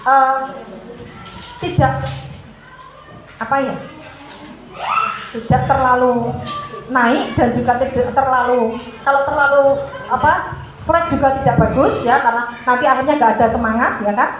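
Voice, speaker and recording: A woman with a high, light voice gives a parenting talk to an audience of mothers. She asks the crowd questions and then answers them herself, and now and then she slips in words. Her voice rings through a big, echoing hall, with steady background noise underneath it. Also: measured pace, long pauses. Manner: calls listeners "Bunda", asks and answers own questions; mixes in Javanese words. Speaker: parenting speaker.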